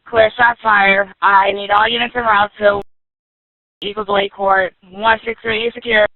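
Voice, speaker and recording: High flat man dispatching over walkie-talkie. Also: dry recording. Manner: clipped, brisk code-speak. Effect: heard over a police walkie-talkie radio. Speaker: police dispatcher. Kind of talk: police radio traffic. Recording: tinny, dry radio channel.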